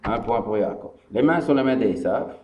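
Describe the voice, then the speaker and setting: A rabbi from Tunisia gives a Torah lesson, telling the story in a lively way, acting out the dialogue and repeating the key phrases. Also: male voice, medium pitch, moderate pace, echoey room. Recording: dull lo-fi archive recording with faint hum.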